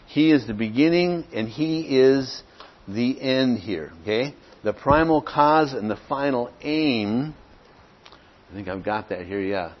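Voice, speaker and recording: Husky pastor teaching an evening study. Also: male voice, medium pitch, muffled recording. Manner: reads Scripture aloud, often asks "okay?". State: clears throat now and then. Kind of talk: evening Bible study sermon.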